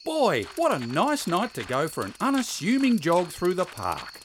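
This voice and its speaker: A man's voice: sits high, huge pitch swings, normal speed, background noise. A man playing a naive, cheerful jogger in a comedy audio drama, overacting like a hammy stage actor and declaiming his lines. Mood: chirpy, naive. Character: unassuming male jogger, cheerful, naive, melodramatically alarmed.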